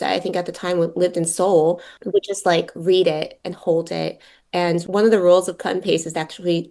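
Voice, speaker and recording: A woman with a slightly low-pitched voice speaks as a poet being interviewed. She is informal and reflective, working out her thoughts aloud in a conversational way. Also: darkish tone.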